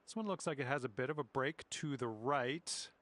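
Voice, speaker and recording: A man giving calm, casual play-by-play commentary on a round of golf, with quiet low-key asides between shots. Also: normal speed, dry recording.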